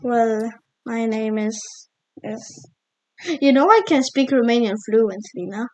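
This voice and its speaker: A woman's voice: fairly high pitch, darkish tone. A woman from the United States with an American accent, a native English speaker chatting casually and rambling in slang over a game. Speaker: video creator. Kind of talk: casual gaming chat. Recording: dull lo-fi microphone.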